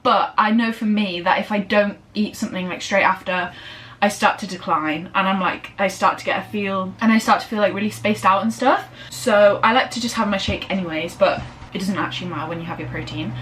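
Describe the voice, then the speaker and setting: A young woman chatting casually in a vlog, rambling and bubbly, fast and breathless after a workout, filmed in her kitchen. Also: mid-range voice, fairly bright tone. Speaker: lifestyle vlogger. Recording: slightly distant camera audio with faint room noise.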